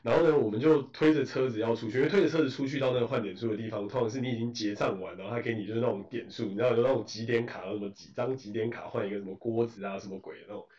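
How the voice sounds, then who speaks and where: A man with a Taiwanese Mandarin accent telling a story in casual chat, animated, swearing and mixing in English phrases. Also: medium pitch, rapid-fire, hardly any pauses. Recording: roomy, distant, dull lo-fi.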